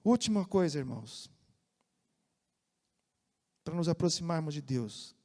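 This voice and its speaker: A Brazilian man preaches a sermon with a high, light voice. He swings between ringing emphasis and hushed, conversational asides. The sound carries a long reverb from a church hall. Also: unhurried. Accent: Brazilian Portuguese. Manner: animated preaching, shifting from loud emphasis to soft asides. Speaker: pastor. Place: church sanctuary.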